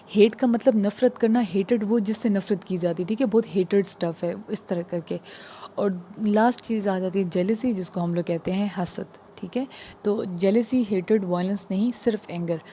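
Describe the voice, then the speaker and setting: Brief: female tutor, mellow and patient, slows down on key words, faint noise behind. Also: medium pitch, steady tone. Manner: patient, repeats "ठीक है" often. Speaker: exam prep teacher. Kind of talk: casual explanatory lesson.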